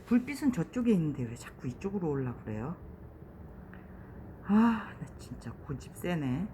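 A woman vlogging outdoors, coaxing and scolding a beetle to walk away, recorded on a handheld phone with noise behind her. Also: lowish voice. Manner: exasperated, coaxing, talking to an insect. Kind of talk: casual vlog talk to a beetle.

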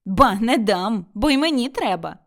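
A woman's voice: a little high, lively intonation, normal speed, a bit bright. A woman reading an audiobook, voicing a stubborn young daughter-in-law who answers back curtly and defiantly. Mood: shouting. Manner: curt, defiant, retorting. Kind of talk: audiobook character voice.

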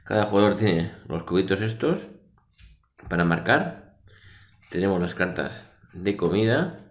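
A middle-aged board game reviewer with a Spain Spanish accent explains game rules casually, rambling in colloquial language. His voice sits low, with lively intonation and an unhurried pace. He is indoors in a small room, and the recording has a roomy echo.

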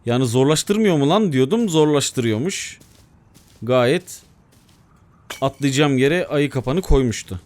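A young man giving excitable let's-play commentary, muttering to himself and bursting into shouts. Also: mid-range voice, measured pace, long pauses. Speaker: gaming YouTuber.

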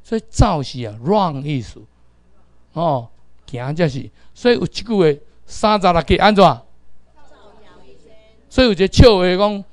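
A man's voice: high-pitched, expressive, normal speed, long pauses, no room sound. A middle-aged man with a Taiwanese accent teaching a class, lecturing and calling out drill commands for the students to repeat.

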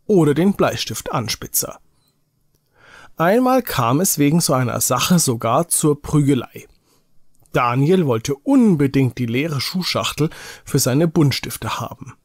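A man reading an Advent story for small children aloud, slowly and with care, in a home recording. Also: medium pitch, no room sound, clean studio sound.

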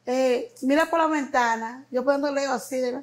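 A woman's voice: high voice, moderate pace, poor audio. A Dominican woman with a Dominican Spanish accent, a guest in an interview, telling stories expressively with laughs and acted-out quotes. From Dominican Republic. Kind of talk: animated storytelling chat.

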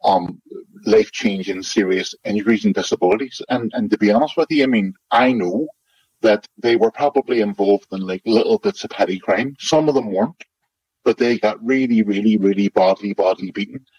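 A man's voice: brisk, darkish tone, husky, no echo. A man from West in his fifties, speaking as a remote interview guest through a voice-altering disguise, rambling and padding with "like, you know". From Northern Ireland, West Belfast. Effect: voice altered to disguise identity, deep and muffled. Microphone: remote secure connection. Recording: lo-fi disguised call audio.

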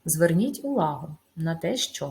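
A woman teacher giving a recorded video lesson. She explains step by step in a measured way, with small hesitations. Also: sits low, sing-song, creaky, a little mellow, slight background noise. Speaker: school teacher.

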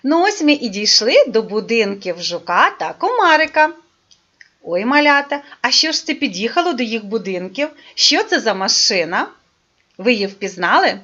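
Sing-song speech therapist woman, lively. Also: fairly high pitch. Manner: sing-song, slow and drawn out for children. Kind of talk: online lesson for young children. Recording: dull lo-fi recording.

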